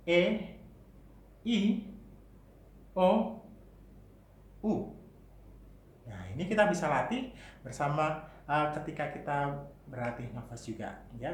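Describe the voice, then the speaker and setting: A man with an Indonesian accent, a vocal coach patiently explaining articulation and demonstrating vowels. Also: on the high side. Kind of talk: singing lesson. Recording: roomy with faint hiss.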